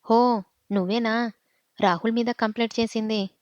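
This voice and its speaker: Stern cop asking questions, a woman doing him, kinda high, muffled dry audio. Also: steady tone, moderate pace, darkish tone, dry recording, natural voice. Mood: firm. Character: stern police sub-inspector, middle-aged man.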